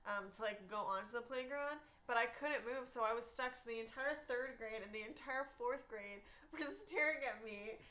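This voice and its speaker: Young woman, from Texas, youth livestream host, giggly, chatty, slightly high voice, at home. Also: normal speed, hardly any pauses, bright, forceful tone. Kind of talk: casual livestream chat.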